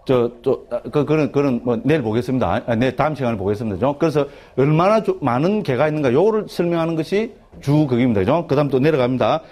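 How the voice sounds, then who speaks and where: Speaking quickly and barely pausing, a middle-aged monk with a Gyeongsang Korean accent delivers a talkative lecture on a Buddhist text. His mid-range voice is expressive with a darkish tone, and he often asks the class "right?" before restarting what he was saying.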